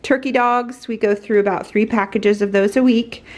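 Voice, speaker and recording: A woman's voice: a little high, fairly even intonation, normal speed. A woman in her forties chatting casually to a handheld camera in her home kitchen, listing groceries and prices with fillers and asides. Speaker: family vlogger. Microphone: handheld camera at arm's length.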